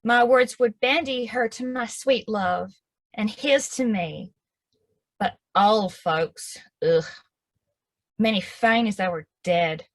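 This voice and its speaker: An actress with a mid-range voice performs verse drama on stage, playing an impatient young girl in love. Speaking slowly in a Southern US accent, she pleads eagerly in verse.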